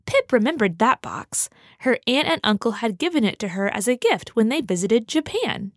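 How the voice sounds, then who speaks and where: A woman reading a children's story aloud with gentle, expressive storytelling. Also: fairly high pitch, moderate pace, no room sound, studio quality. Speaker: narrator. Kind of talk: scripted children's story narration. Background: music for children.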